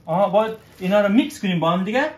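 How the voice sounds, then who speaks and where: A patient father cooks with his child in a home kitchen, his voice high-pitched with lively intonation. He coaxes gently and keeps checking in with short questions in this casual instructional chat. The room sounds echoey.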